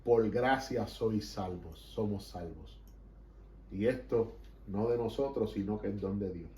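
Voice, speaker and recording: With a lowish, mellow voice and a measured pace, a Puerto Rican-accented man preaches fervently to his congregation as pastor, weaving English into his Spanish with emphasis. A distant mic in an echoey room catches him, plus slight background noise.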